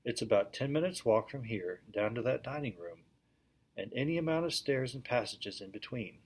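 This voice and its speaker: Male reader as a confident, enthusiastic older English boy with a husky tone. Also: medium pitch, animated, moderate pace. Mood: eager. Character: eager, bossy eldest English schoolboy.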